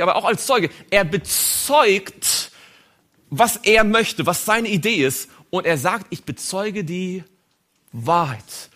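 Animated high-voiced male preacher. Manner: dramatic, acting out biblical dialogue, swings from loud to hushed. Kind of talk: sermon.

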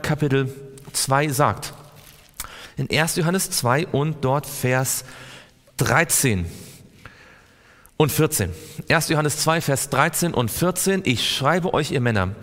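Man leading group Bible study, very animated melody, quizzes listeners, long hall reverb. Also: on the high side. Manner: quizzes listeners, repeats words for emphasis. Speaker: Bible teacher. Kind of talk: interactive Bible study talk.

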